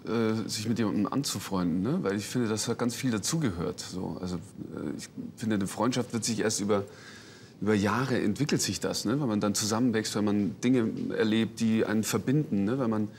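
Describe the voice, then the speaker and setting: A man's voice: fairly low pitch, fairly quick, darkish tone, a little hiss or hum. A man answering questions as a talk show guest, reflective and hesitant with frequent fillers. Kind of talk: casual interview talk.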